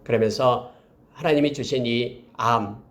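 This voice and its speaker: A middle-aged man, a pastor preaching a sermon and addressing his congregation directly with animated emphasis. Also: mid-range voice, a little slow.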